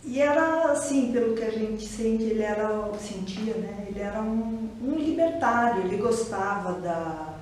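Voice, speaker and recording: Soft-spoken woman, distant and echoey. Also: on the high side. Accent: Brazilian Portuguese, Curitiba. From Brazil. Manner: reflective, hesitant, many pauses and restarts. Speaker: interviewee. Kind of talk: personal testimony interview. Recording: echoey room, distant mic, faint ambient noise.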